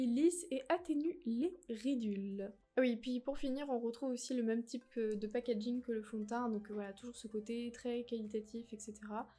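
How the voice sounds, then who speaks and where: A woman's voice: fairly high pitch, warm tone. A woman giving a casual makeup review, chatty and candid, with lots of fillers and frank opinions on price and quality. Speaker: beauty vlogger.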